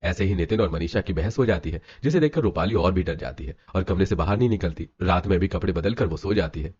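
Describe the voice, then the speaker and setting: Brisk male cartoon narrator. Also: low voice, lively intonation, a little mellow, slightly rough. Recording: dull lo-fi with music.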